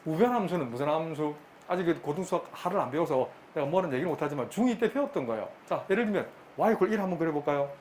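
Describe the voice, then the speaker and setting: A man's voice: fairly high pitch, expressive, darkish tone, slight background noise. Middle-aged man teaching math. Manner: brisk, bantering with students, repeats questions. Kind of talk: classroom lecture. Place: classroom.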